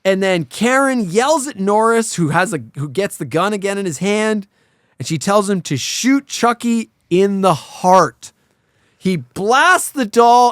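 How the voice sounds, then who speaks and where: A man co-hosting a casual film discussion, retelling things in an animated, sweary way and acting out quotes. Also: high-pitched, no echo, clean studio sound. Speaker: podcast co-host.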